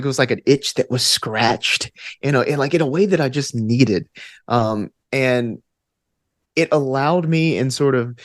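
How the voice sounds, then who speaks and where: A man appears as a podcast guest, an actor and tabletop gamer, answering earnestly and reflectively while thinking aloud with lots of "like" and "you know." His mid-range voice is captured at studio quality with no room sound.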